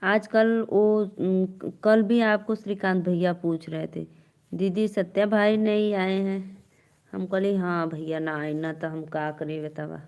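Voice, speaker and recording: A woman's voice: mid-range voice, steady tone, slow pace, darkish tone, smooth. A young woman with an Awadhi accent hosting a folk-song live stream, chatting and teasing viewers and laughing often.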